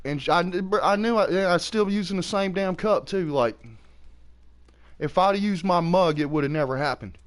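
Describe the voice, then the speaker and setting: This early-forties streamer has a high-pitched voice at normal speed. He's easygoing as he plays, rambling through casual chat packed with profanity.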